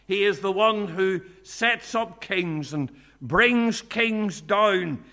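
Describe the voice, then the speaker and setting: A man preaching a sermon at a church meeting, earnest and measured, often quoting scripture. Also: high-pitched, bright, forceful tone.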